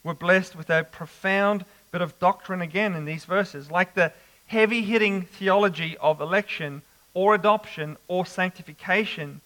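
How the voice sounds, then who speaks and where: A man preaching an expository sermon, slow and emphatic with dramatic pauses. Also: sits high, sharp tone, low-quality recording.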